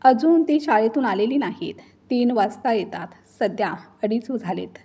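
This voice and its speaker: A woman's voice: a little high, expressive, moderate pace, warm tone, husky. A woman doing a nagging older mother-in-law. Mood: scolding. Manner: scolding, taunting. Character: sharp-tongued older mother-in-law, always grumbling.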